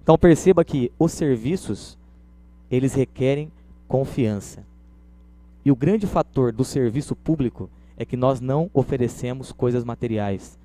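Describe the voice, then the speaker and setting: A man's voice: medium pitch, normal speed, mellow, no echo. A Brazilian man giving a conversational lecture, illustrating points with everyday stories. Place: lecture room.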